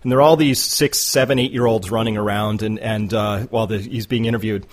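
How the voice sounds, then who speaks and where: Slightly husky male interview host. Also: fairly low pitch, fairly even intonation, fairly quick. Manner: chatty storyteller with many restarts. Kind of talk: conversational interview.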